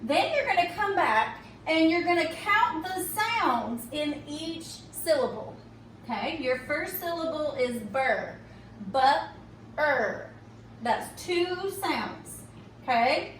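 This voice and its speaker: A high-pitched woman teacher walks young kids through a reading lesson, slow and patient, pausing to check in with "okay?" again and again. She sounds some way off from the mic in an echoey room, with a faint hiss underneath. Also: big pitch swings, a bit bright, far from the mic. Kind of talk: recorded tutorial for young students.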